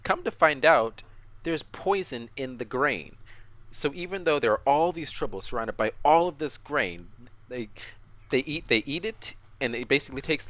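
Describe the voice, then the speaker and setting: A man's voice: mid-range voice, bright, forceful tone, no room sound. A man co-hosting a podcast, casually recapping an episode with many restarts and repeated words. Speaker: podcast co-host.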